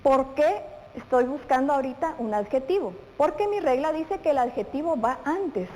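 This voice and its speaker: A woman's voice: high-pitched, animated, normal speed, darkish tone. A woman teaching a televised grammar lesson to children, asking questions and then answering them as she speaks directly to the pupil. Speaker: primary school teacher. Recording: reverberant room with faint noise.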